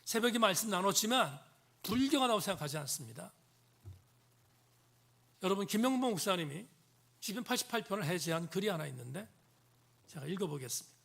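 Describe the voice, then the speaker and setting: A man delivers a sermon in a church sanctuary. His voice sits high and carries a gravelly edge. He preaches emphatically and often sinks into hushed, near-whispered tones. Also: animated, brisk, long pauses. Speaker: pastor.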